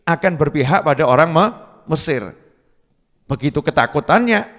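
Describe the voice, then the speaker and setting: A man with an Indonesian accent giving a storytelling sermon, acting out quoted speech and reciting Arabic verses. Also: on the high side. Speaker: preacher. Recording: long hall reverb.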